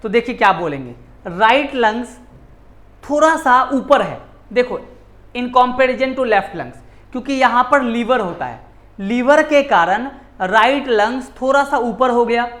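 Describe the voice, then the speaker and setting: A man's voice: extremely high pitch, lively intonation, a little slow, a bit bright. A male teacher giving a classroom lecture in Hindi mixed with English terms, often repeating key words and answering his own questions. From India.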